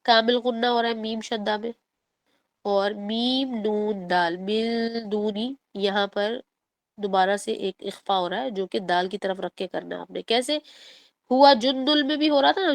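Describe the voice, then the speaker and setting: A woman teaches the rules of Quran recitation, drawing out each word she demonstrates. Her voice sits a bit high and her pace is very slow and deliberate. The recording is dry and close, with no room sound. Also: no room sound. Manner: explains rules patiently, then recites words slowly and drawn out. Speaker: tajweed teacher.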